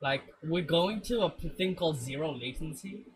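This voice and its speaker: A man's voice: fairly high pitch, normal speed, slight background noise, rough recording. A man hosting a casual comedy podcast in a campy, theatrical, self-mocking way, swearing freely. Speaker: podcast host.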